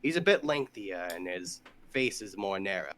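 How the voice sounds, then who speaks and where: A man's voice: low-pitched, big pitch swings, normal speed, crowd noise. A man playing his character in a tabletop game, dry and playful. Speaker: player.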